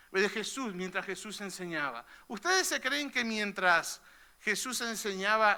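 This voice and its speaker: High bright-voiced male pastor preaching. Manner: conversational preaching, frequent "¿eh?" tags. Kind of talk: sermon. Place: church hall.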